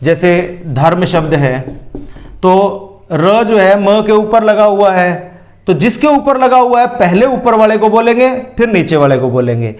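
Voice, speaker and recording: A man with an Indian accent and a rather high voice teaches a grammar lesson. He talks slowly and patiently, breaking each word into its sounds one at a time, like a teacher at a whiteboard. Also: expressive, darkish tone. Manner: slow, patient, spells words out piece by piece.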